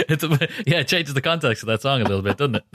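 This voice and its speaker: A man's voice: medium pitch, lively intonation, quick pace, a bit bright, dry recording, studio quality. A man with a Donegal Irish accent, chatting casually and comically as a podcast co-host. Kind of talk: casual comedic chat.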